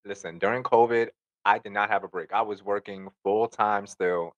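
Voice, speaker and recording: A man's voice: on the low side, fairly even intonation, normal speed, muffled recording. A young man, a podcast co-host, chatting casually and tagging his sentences with "you know" and "right?". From Dominican heritage, New York City. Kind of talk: casual chat.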